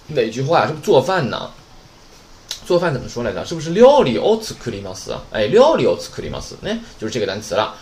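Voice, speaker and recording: A man's voice: mid-range voice, wildly swooping pitch, fast, a little mellow. A man teaching a Japanese vocabulary lesson, chatty and joking, often asking rhetorical questions. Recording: roomy echo, faint background noise.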